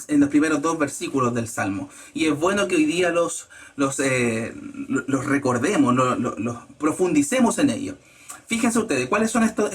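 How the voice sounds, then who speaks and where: A male pastor, preaching a measured teaching sermon and lifting his voice on key words. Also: a little high, fairly bright tone, slightly rough.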